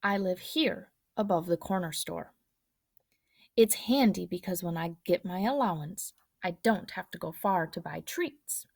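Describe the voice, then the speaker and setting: A woman reading a children's picture book aloud in a gentle, hushed storytelling voice. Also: on the low side, a little slow, gravelly, husky, dry recording, studio quality. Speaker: storybook reader.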